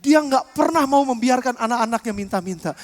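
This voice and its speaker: A man preaching a sermon as pastor, animated, swinging between shouting and quiet acted-out dialogue. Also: very high voice, a little fast, big-room sound.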